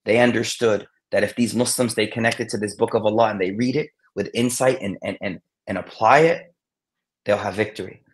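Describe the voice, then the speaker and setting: A man offers sermon-like closing reflections, often restarting his phrases as he goes. His voice sits low, and he weaves recited Arabic verses into what he says. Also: brisk, a little hiss or hum. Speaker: speaker on a panel.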